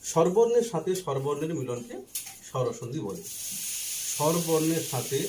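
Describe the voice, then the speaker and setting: A man with a Bangladeshi Bengali accent teaches grammar at the board, pausing to write and spelling letters out slowly. He poses questions and answers them himself in a fairly high voice that swings widely up and down. A faint hiss of background noise sits under the recording. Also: sing-song. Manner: asks and answers his own questions; slow and deliberate while writing, spelling out letters. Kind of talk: blackboard grammar lesson.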